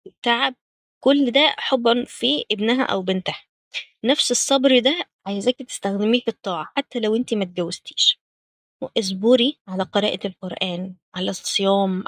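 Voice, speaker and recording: A woman with an Egyptian Arabic accent giving gentle, direct spiritual advice to young women as host of a talk series. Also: mid-range voice, no echo. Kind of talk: spoken religious advice series.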